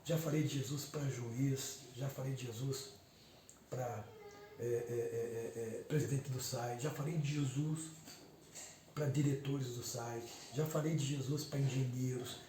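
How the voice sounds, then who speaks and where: A man's voice: medium pitch, steady tone, unhurried, mellow. Emphatic man, distant and echoey. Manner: emphatic, repeats words for weight. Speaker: pastor giving his testimony. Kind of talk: emotional personal testimony. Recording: roomy echo, distant mic, faint background noise.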